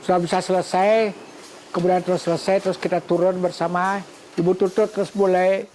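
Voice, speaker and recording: A man's voice: high-pitched, level tone, a little fast, a little mellow, slight background noise. An older man from Bali, telling a personal story in an interview and acting out the voices and counts of others. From Bali, Indonesia.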